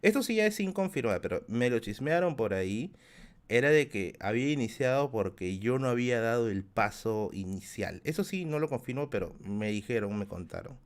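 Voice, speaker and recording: An animated voice of medium pitch at normal speed belongs to a streamer in his thirties with a Peruvian accent. Addressing his live chat, he rambles through a story, repeats phrases, and laughs a lot.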